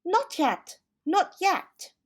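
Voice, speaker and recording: A woman's voice: very high voice, big pitch swings, extremely slow, pitched above the performer's own voice, exaggerated voice. A woman voicing a fussy male rabbit herald in a storybook reading, announcing in a sing-song recital. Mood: urgent.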